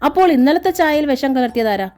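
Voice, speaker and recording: A woman's voice: high voice, lively intonation, fairly quick, darkish tone, faint music behind, voice pushed up. Woman doing a hard-nosed cop grilling a suspect, voice pushed up a bit, threatening. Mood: menacing. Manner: interrogating, menacing. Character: stern threatening police officer.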